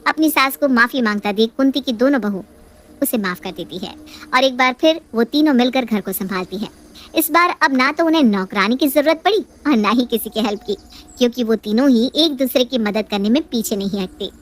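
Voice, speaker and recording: A woman narrating a family story in a calm, even storytelling manner. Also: fairly high pitch, brisk.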